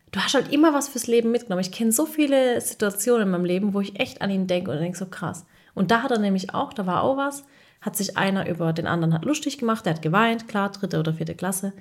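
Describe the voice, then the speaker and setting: A woman in relaxed conversation, passing on stories she has heard and readily agreeing with her partner. Her voice is of ordinary female pitch and sounds chatty and engaged. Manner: chatty, agreeing, relaying anecdotes. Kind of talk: casual chat.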